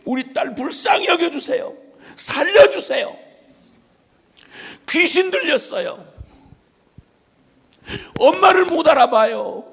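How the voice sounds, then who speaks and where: A woman's voice: high voice, creaky, pitched above the performer's own voice. A man playing a desperate pleading mother. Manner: pleading, crying out. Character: desperate mother begging for her possessed daughter.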